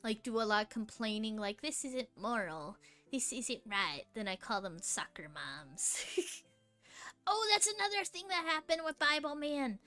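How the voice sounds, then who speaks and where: Young woman vlogger, giggly and rambling, slow, bright tone, faint music behind. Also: on the high side. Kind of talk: casual rambling chat.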